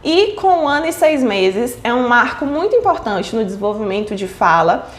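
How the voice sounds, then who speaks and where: Her voice is on the high side with big pitch swings, delivered at a moderate pace in a reverberant setting. The woman teaches an explanatory online lesson about how children's speech develops, regularly checking in through fillers such as "certo?" and "tá?".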